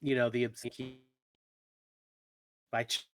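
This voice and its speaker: A man, a tabletop game player, chatting in an unhurried, halting way with many fillers while his online call audio keeps cutting out and breaking up. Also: medium pitch, little pitch movement, fairly bright tone, slight background noise. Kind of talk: casual actual-play chat.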